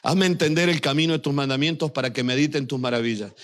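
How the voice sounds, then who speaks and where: A man's voice: medium pitch, fast talker. A male pastor preaching a sermon, speaking directly to his church and weaving in personal anecdotes.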